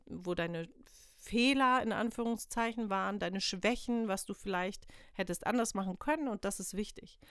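This podcast host, a self-employed team leader based in northern Germany, delivers earnest, coaching-style motivation packed with rhetorical questions. Her medium-pitched voice is a bit bright, clear and resonant, and the studio-quality audio has no room sound.

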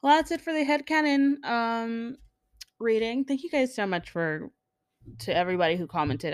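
A woman's voice: medium pitch, clean tone, no room sound. Casual, swearing woman podcast host. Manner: casual, swears freely, laughs often; acts out quoted characters in jumped-up voices. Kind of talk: casual chat reading fan comments.

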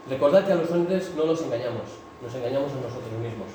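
A man's voice: mid-range voice, animated, fast talker, mellow, slight background noise. A man preaching a sermon with impassioned, emphatic delivery. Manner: impassioned, rising to emphatic bursts. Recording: echoey hall, mic from a distance.

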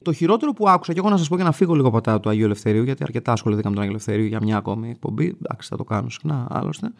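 A man in his thirties from Greece, hosting a show and telling an everyday story in a wry, animated way, acting out the other people's lines. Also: mid-range voice, vocal fry. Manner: wry, animated, acts out dialogue in a raised voice. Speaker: radio show host. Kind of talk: casual storytelling monologue.

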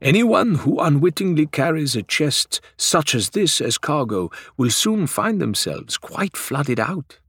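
A man's voice: fairly high pitch, very animated, a little slow, hardly any pauses, a bit bright, slightly rough, no echo, studio quality, voice pushed up, exaggerated voice. A man voicing a formal, courteous male pirate who speaks with grave precision. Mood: solemn.

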